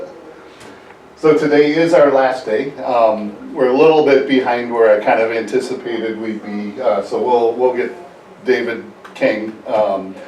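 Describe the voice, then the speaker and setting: A man leading an adult church class in a relaxed, halting way, with many fillers. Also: mid-range voice. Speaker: adult education class leader. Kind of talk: casual church class teaching. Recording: roomy, from far off, faint noise.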